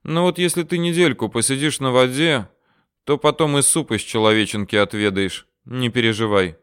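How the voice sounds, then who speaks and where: A man voicing a calm, terse male deserter commander who talks low and dry. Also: moderate pace, clean tone, lightly acted.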